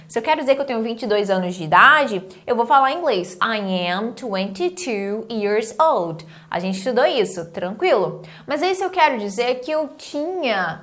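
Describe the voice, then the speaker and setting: A Brazilian woman teaches an online English grammar lesson in a slightly high voice. She explains patiently, asks questions and answers them herself. She says the English example words slowly and clearly. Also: a bit bright. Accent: Brazilian Portuguese.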